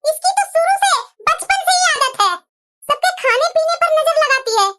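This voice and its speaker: A woman voicing a chatty, friendly middle-aged neighbour auntie in a Hindi cartoon who scolds gently. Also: very high voice, lively intonation, normal speed, heavily acted. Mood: scolding.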